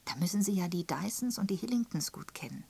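A woman's voice: medium pitch, lively intonation, fast, creaky, warm tone, breathy edge, voice pushed up. Woman reading as a mild elderly spinster. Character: elderly gentle spinster sleuth, tactful. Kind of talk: audiobook character voice.

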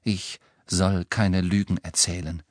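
A man's voice: sits low, little pitch movement, slow pace, no room sound, clean studio sound. A man voicing a bitter, earnest teenage boy wizard in an audiobook. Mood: sarcastic. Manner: earnest, sarcastic.

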